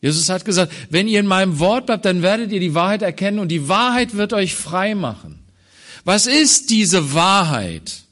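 A man preaching a sermon on a Bible passage, swinging from loud emphatic phrases to quiet low ones. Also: very animated. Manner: slow, deliberate delivery.

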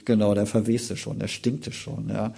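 Gravelly, husky man preaching a sermon. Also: lowish voice, moderate pace. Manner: reads scripture aloud then comments in an informal, lively way.

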